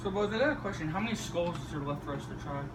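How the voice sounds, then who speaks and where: A fairly high-voiced man talks with tobacco packed in his lip. He is blunt and sweary, chatting casually in an echoey, noisy recording. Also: lively intonation, very fast. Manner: talks with a lip full of dip; blunt, heavily profane. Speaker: amateur dip reviewer. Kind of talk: casual chat, product review banter. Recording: noisy, echoey, distant microphone.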